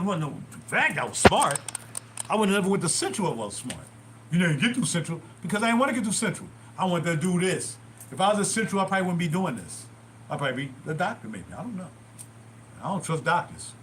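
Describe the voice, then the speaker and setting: An older man in his sixties tells rambling stories on a livestream, his voice rising and falling in lively swings. His pitch sits a touch high for a man. He wanders off on side stories as he talks from a small bathroom at home. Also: a little hiss or hum. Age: 60s. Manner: rambling, animated, digressive. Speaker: livestream host. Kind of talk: casual storytelling.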